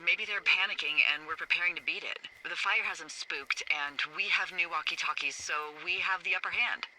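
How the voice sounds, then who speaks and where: An actress playing a playful, quick-witted fire lookout supervisor who talks over the radio in a video game. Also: female voice, fairly low pitch, low-quality recording. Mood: worried. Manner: teasing, animated. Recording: game audio over loud forest noise.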